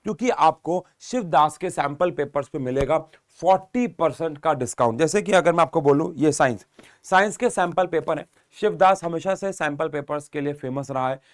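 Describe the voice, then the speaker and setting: A man's voice: a little high, lively intonation, moderate pace. A young man teaching an exam-prep chemistry lesson, explaining step by step and speaking straight to his students.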